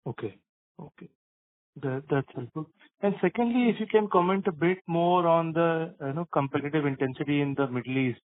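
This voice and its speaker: Man, over the phone, tinny call audio, fairly high voice, polite analyst questions. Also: fairly quick. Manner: polite, asks follow-up questions with filler words. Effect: heard over a phone line. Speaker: financial analyst on an earnings call. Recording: narrowband telephone line.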